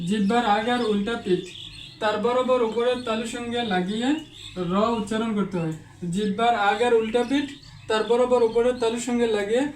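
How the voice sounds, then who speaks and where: A man's voice: very high voice, echoey room, recorded from a distance, a little hiss or hum. A man teaching Quran pronunciation step by step, patiently saying each letter sound again and again as a drill.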